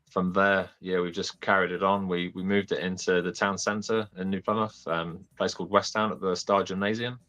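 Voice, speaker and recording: A young man with a New Zealand accent chatting casually and haltingly as a laid-back podcast guest. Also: low voice, sharp tone. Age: young adult. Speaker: podcast guest, toy fair organiser. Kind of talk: casual chat.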